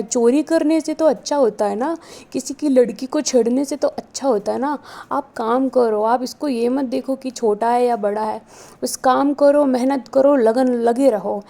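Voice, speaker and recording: A woman's voice: a little high, gravelly, warm tone. A pregnant woman vlogger and housewife giving an earnest motivational talk, pleading with her viewers and repeating herself for emphasis.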